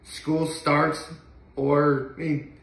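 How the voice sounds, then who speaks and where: Recorded in his living room on a phone camera a few feet off, this young daily vlogger from upstate New York talks to the camera in a loose, rambling way, hesitating and trailing off. His male voice sits on the high side and is fairly bright but creaky, with little pitch movement and a very slow delivery. The sound is roomy and echoey.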